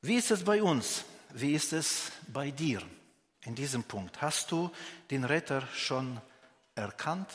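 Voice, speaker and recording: A man's voice: mid-range voice, animated, slow, big-room sound. A man preaching a sermon, earnestly asking the listener direct questions, with frequent restarts.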